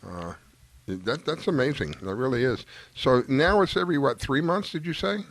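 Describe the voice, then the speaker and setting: A man's voice: medium pitch, animated, normal speed. A man hosting a talk radio fishing show, chatting casually and reacting with frequent enthusiastic exclamations.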